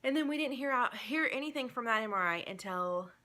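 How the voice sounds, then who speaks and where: Chatty bright-voiced young woman. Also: a little high, animated, brisk. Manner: chatty, rambling, with many ums and restarts. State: out of breath. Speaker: vlogger. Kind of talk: casual chat. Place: home.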